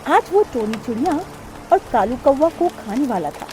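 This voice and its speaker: A woman narrating a children's cartoon story in a clear, expressive storytelling voice, recorded as a studio voice-over. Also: high voice, moderate pace, over music.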